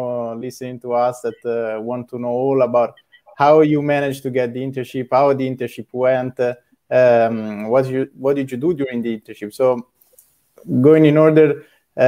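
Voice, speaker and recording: A man in his thirties with a mellow, warm voice moderates a panel discussion. He talks in a friendly way, padding his sentences with frequent "uh"s. He is heard through a webcam on a video call. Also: mid-range voice. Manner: friendly, many filler uhs.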